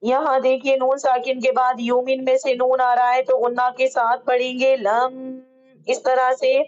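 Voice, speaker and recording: A woman teaching how to read Quranic script, explaining each rule slowly and patiently and drawing out the words she recites. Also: sits high, completely flat delivery, a little mellow, muffled recording. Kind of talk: online Quran reading lesson.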